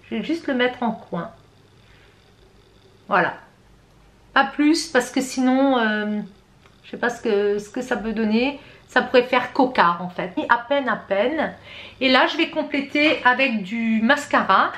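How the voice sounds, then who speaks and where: A woman's voice: fairly high pitch, a little slow, a bit bright. A middle-aged woman from France, chatting her way through a makeup tutorial, talking straight to her viewers and often correcting herself. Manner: chatty, self-correcting, addresses viewers directly. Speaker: beauty vlogger.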